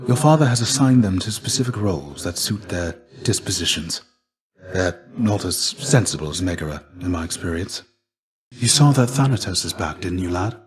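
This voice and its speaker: In an animated performance, a voice actor portrays a video game's low-pitched, world-weary warrior shade. He speaks with theatrical weight and measured, archaic formality, gentle and earnest like a fatherly old mentor to a younger pupil, yet his mood is grave and guarded.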